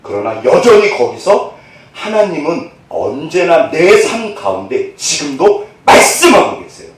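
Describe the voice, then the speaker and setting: A man's voice: fairly high pitch, sing-song, a little slow, very echoey, distant mic, background noise. A male pastor preaching a sermon, asking the congregation questions and answering them himself.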